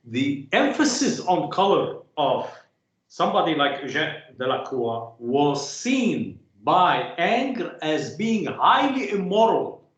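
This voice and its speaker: Halting male lecturer in an echoey room. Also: on the high side, very animated, fairly bright tone, lo-fi sound. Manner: halting, many filler sounds, rhetorical "huh?" checks. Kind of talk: academic lecture.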